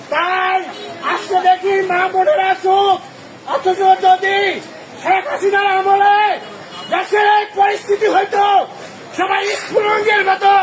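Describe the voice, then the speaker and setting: Older bangladeshi guy booming out a street speech, really high voice, loud crowd and traffic noise behind. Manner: loud, booming, declamatory delivery. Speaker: street political speaker. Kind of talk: impassioned street speech with slogans. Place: outdoors on a busy city street.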